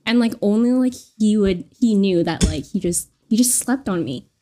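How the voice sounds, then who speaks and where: A woman's voice: mid-range voice, expressive, normal speed, mellow, a little hiss or hum. A young woman co-hosting a casual podcast, telling a story in a rambling way, packed with "like". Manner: rambling, filler-heavy storytelling with many "like"s. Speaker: podcast co-host.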